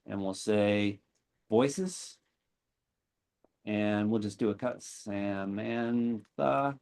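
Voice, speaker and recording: A man hosting an online meetup, talking through a live software demo, rambling and correcting himself as he goes. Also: medium pitch. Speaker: meetup host.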